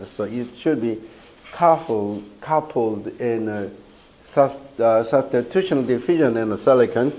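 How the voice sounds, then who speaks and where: An older Korean professor, a native speaker with a Korean accent, lectures at a university while hoarse from a cold, speaking haltingly with many fillers. His voice is mid-range and a little mellow, picked up by a far-off camera in the lecture room.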